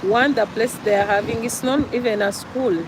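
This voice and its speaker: A woman's voice: a little high, steady tone, normal speed, background noise. A Ugandan woman with a Ugandan accent gives an earnest, preachy vlog monologue, repeating her points for emphasis. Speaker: vlogger.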